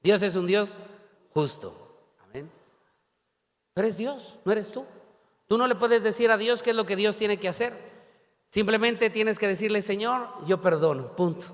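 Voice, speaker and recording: A man's voice: high voice, a little slow, long pauses. A male pastor preaching a sermon in a church and prompting the congregation to repeat his words. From Ecuador. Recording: long reverb of a church hall.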